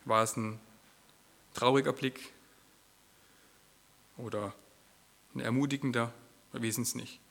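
A man's voice: medium pitch, steady tone, measured pace, gravelly, long pauses, a bit bright. A man preaching a sermon in church, acting out quoted lines with a shifting voice.

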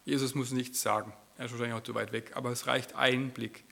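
A man's voice: mid-range voice, level tone, fast, creaky, fairly bright tone. A man preaching a sermon in church, acting out quoted lines with a shifting voice.

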